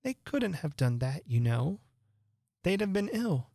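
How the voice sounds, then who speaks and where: A woman's voice: on the low side, sing-song, measured pace, gravelly, dark tone, dry recording, clean studio sound, voice pushed up, exaggerated voice. A woman voicing a polite, curious young girl who speaks earnestly. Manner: earnest, wondering.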